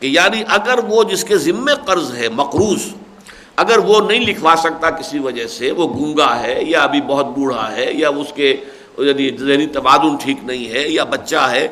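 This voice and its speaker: Older guy lecturing on scripture, bright clear voice, a bit high, recites verses then explains. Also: expressive. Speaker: Quran scholar giving tafseer. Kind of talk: religious lecture.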